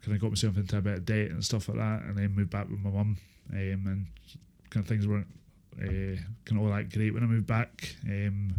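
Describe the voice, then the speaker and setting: A Scottish man in his thirties recalling his life in a casual interview, speaking haltingly with repeated filler phrases. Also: fairly low pitch, little pitch movement, gravelly, mellow. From Inverness, Scotland. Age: 30s. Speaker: interview guest, former supported-housing tenant. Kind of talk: casual interview, personal recollection.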